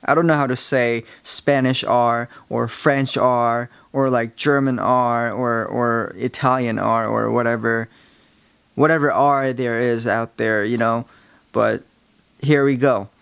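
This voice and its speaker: A man giving a casual how-to lesson, explaining things in a halting, rambling way. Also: mid-range voice, steady tone, creaky, fairly bright tone, clear, resonant tone, no echo. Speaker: tutorial presenter. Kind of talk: casual instructional talk.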